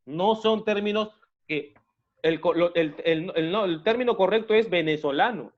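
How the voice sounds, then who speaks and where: Peruvian teacher guy on a video call, kinda high voice, muffled sound, keeps restarting sentences. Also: moderate pace. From Peru. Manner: repetitive, addresses class as "jóvenes", many restarts. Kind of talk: online class lecture.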